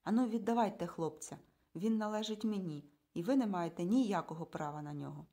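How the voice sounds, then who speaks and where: A woman's voice: mid-range voice, expressive, a little fast, dark tone. A woman voicing a smug, bossy man who gives orders in a condescending tone. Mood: commanding. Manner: commanding, condescending. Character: smug, bossy man, a cold official in glasses.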